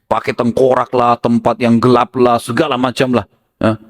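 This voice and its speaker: A man, an Islamic preacher, telling a story in a sermon, animated and mixing in Arabic phrases. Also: medium pitch, normal speed.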